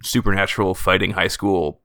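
A man's voice: deep voice, level tone, moderate pace, bright, forceful tone, no echo, clean studio sound. A man co-hosting a podcast in casual chat, laying out his ideas at length. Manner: thoughtful, explaining a theory at length. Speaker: podcast co-host.

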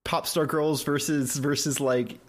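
A man's voice: a little high, fairly even intonation. Joking male podcast host. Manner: joking, quick, laughs often. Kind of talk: casual podcast chat.

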